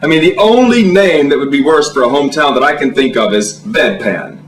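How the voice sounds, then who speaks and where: Man, stand-up comedian, campy and theatrical, lively swooping pitch, roomy sound a bit off-mic. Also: a little fast, distant mic. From Alabama. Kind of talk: comic monologue.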